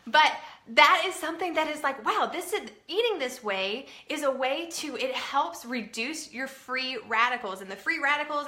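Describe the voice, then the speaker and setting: A woman's voice: fairly high pitch, bright, forceful tone, roomy sound. A woman in her thirties chatting casually and upbeat to her viewers from home, with many fillers. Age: 30s. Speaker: vlogger. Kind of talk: casual chat to camera. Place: at home indoors.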